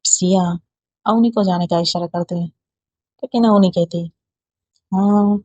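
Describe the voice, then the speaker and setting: A woman's voice: medium pitch, steady tone, measured pace, dark tone, no echo. A woman reading a love story aloud, voicing every character in her own plain voice. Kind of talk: narrated love story, reading all parts. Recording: dull lo-fi dry recording.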